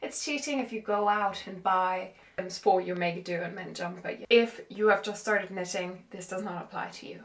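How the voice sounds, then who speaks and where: A podcast host films herself on her phone inside a room of an old country cottage, and the echoey room comes through in the recording. Her mid-range voice moves at normal speed with few pauses as she chats in a casual, animated, self-deprecating way on her own show.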